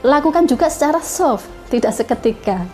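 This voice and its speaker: A woman giving a calm, measured self-development lesson and explaining with spoken examples. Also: sits high, soft background music.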